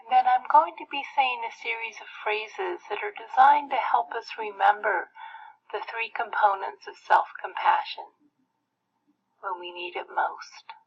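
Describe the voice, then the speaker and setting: A woman leading a guided meditation in a soft, breathy, almost whispered way with gentle pauses. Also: on the high side. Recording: muffled lo-fi playback.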